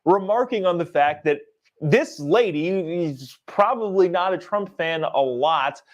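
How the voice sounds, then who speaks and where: A young man hosting a live political talk stream, giving casual commentary and reading viewer comments aloud in an animated way. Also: high-pitched, measured pace. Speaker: livestream host.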